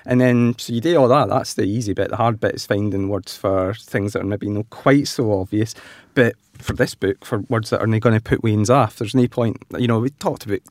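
A man's voice: on the low side, fairly quick, hardly any pauses, darkish tone, no room sound, studio quality. A man from Scotland with a broad Scottish accent and Scots words, chatting casually as an interview guest. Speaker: guest author and translator of children's books.

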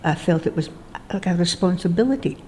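Woman, broad Scottish accent, dark mellow tone, chatty, self-deprecating, informal radio interviewing. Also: lowish voice, lively intonation, brisk, a little hiss or hum. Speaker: radio show host. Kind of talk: casual interview chat.

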